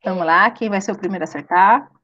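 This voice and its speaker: A woman's voice: medium pitch, quick pace, fairly bright tone, highs cut off. A woman teaching a live online drawing class, chatty and playful, laughing at her own slips. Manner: chatty, laughing, self-deprecating asides.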